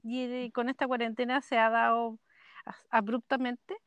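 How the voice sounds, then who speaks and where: A woman with a Chilean Spanish accent co-hosts a podcast from home, joining remotely over a call on a computer mic and telling rambling stories in casual, chatty conversation. Her voice is a little high, smooth and slightly bright, with little pitch movement and a normal pace. The sound is lo-fi.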